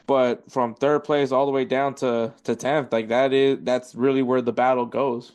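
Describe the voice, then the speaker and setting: A man hosts a casual football podcast at an ordinary, middle pitch. He rambles and corrects himself as he works through league standings and stats. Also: level tone, moderate pace, darkish tone, clear, resonant tone. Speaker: podcast host.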